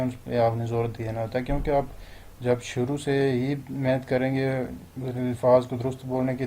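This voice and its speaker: A man with a Pakistani Urdu accent teaching a lesson, explaining phrases step by step and slowing down to stress each foreign phrase. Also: medium pitch, dark tone, a little hiss or hum. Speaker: language teacher.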